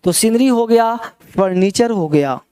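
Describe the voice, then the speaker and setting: A middle-aged man teaching English grammar in a classroom, who keeps asking quick questions and mixes in English terms. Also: high-pitched, expressive, warm tone, clean tone. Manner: coaxing, asks many quick questions. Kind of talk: classroom lecture.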